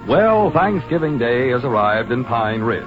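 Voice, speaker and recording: A man's voice: medium pitch, sing-song, measured pace. A man speaking as a 1940s radio announcer, genial and folksy, reading a scripted show introduction. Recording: muffled 1940s radio broadcast, music.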